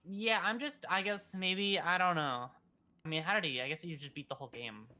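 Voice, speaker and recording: Higher-voiced man chatting with casual swearing. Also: a little fast, sharp tone. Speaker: guest on a stream. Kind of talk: casual chat.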